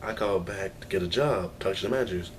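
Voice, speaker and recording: A man's voice: low voice, fast talker, slight background noise. A young man talking to his camera at home in a rambling, downbeat personal vlog, full of restarts and sighs. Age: young adult. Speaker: vlogger. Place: at home, indoors.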